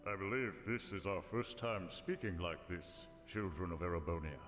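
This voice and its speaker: Deep, echoing, regal divine wolf. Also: male voice, moderate pace, fairly bright tone. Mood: solemn, regal. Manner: solemn, formal, stately. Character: ancient holy beast, divine wolf, regal guardian of the land. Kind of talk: video game voice acting. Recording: long reverb, music underneath. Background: game music.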